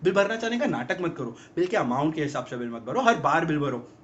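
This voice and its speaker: An actor playing an exasperated young man in a rapid-fire, mocking film comedy monologue about girlfriends. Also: on the high side, big pitch swings, a bit bright. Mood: ranting. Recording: dull lo-fi film audio.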